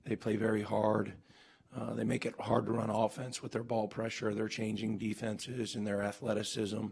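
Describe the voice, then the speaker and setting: Seated at a stand-mounted table mic in the press room, a forties-aged basketball coach answers postgame questions in emphatic, earnest bursts full of fillers and restarts. His lowish voice is level, creaky, slightly mellow and breathy, at a normal pace.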